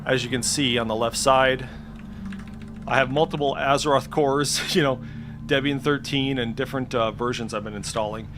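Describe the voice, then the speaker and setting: Speaking at medium pitch with a steady tone and moderate pace, a tech video creator gives an informal screen-share walkthrough from his computer indoors, music in the background. It's unscripted and hesitant, he thinks aloud, and a mild swear slips out at times.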